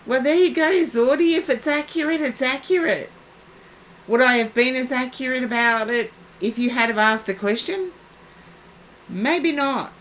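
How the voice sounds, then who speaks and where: A woman's voice: sits high, moderate pace, a bit bright, a little hiss or hum, rough recording. A woman giving psychic readings on a live stream, chatting and addressing viewers by name. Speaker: psychic reader.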